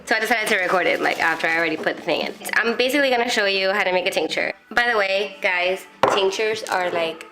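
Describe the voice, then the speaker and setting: A woman with a head cold, her voice nasal and congested, chatting in a rambling, casual way through a how-to, with soft music behind her. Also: lowish voice. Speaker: herbalist vlogger.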